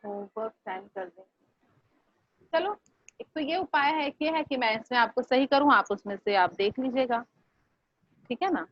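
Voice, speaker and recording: A woman teacher giving a slow, patient online lesson, asking her students questions. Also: fairly high pitch, expressive, no room sound. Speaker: Hindi teacher. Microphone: video call. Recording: muffled online class audio.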